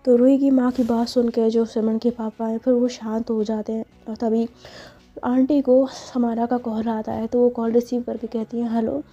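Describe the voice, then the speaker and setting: A woman's voice: fairly high pitch, flat delivery, moderate pace, dark tone, faint music behind. A woman narrating a serial love story in a conversational, filler-heavy way, on a dull lo-fi recording.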